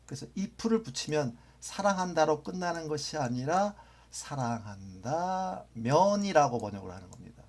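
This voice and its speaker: A man's voice: on the high side, lively intonation, normal speed. A man teaching English grammar in a lecture, patiently repeating phrases and sometimes dropping almost to a whisper for example sentences.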